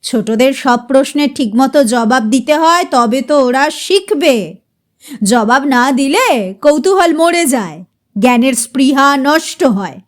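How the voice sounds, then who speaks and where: A woman voicing a fourteen-year-old boy who lectures gravely, know-it-all, with a cracking, thick voice. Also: high-pitched, animated, a little slow. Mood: lecturing.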